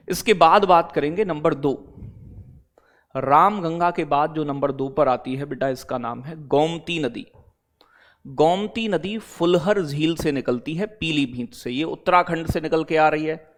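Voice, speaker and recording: A man's voice: a little high, a little slow. A man from teaching an exam-prep class online, chatty and blunt, calling students "beta" and "bhai" and asking "theek hai?" again and again. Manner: digresses into blunt talk, then back to teaching.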